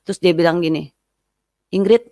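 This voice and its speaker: Gravelly woman telling her testimony. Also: moderate pace, no room sound. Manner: lively, acts out quoted voices in a high pitch. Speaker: guest giving a testimony. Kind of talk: personal testimony storytelling.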